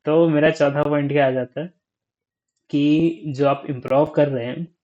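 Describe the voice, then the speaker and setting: Unhurried man thinking out loud. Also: a little high, steady tone, dull audio. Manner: unhurried, thinks aloud, forgets points mid-talk; frequent "ठीक है?" check-ins. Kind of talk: casual talk to camera.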